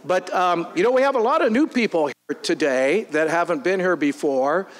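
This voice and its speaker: Male forum host, slightly high, upbeat, filler-heavy. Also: lively intonation, moderate pace. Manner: upbeat, with frequent ums and uhs. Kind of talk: addressing a meeting room. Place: meeting room.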